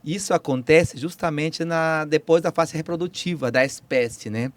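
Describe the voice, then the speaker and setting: A Peruvian man in his forties, speaking with a Peruvian Spanish accent, explains biology as a podcast guest. He is hesitant, full of fillers and restarts, and his slightly high voice moves at a normal speed.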